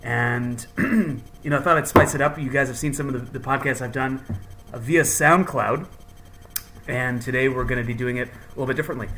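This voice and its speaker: A man's voice: medium pitch, fairly quick, sharp tone, slight background noise. A man hosting a podcast in a casual, jokey, hyped-up chatting style. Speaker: podcast host. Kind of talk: casual chat.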